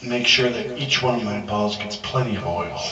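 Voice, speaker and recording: An older man playing an earnest baker guest in a live pub comedy sketch, deadpan and matter-of-fact. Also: fairly low pitch, normal speed, dull audio, natural voice. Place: crowded pub. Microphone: handheld mic. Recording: echoey pub, far mic, loud crowd.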